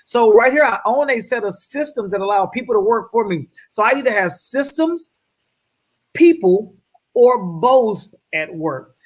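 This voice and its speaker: A man giving an energetic slide presentation as a guest speaker on a video call, often checking in with his audience. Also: sits high, unhurried. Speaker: guest speaker on wealth building.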